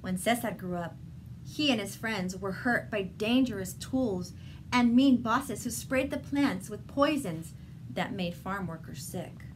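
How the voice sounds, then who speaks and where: A woman with a mid-range voice reads a children's picture book aloud in a deliberate, expressive storytelling style. Noticeably noisy ambience fills the background of the recording.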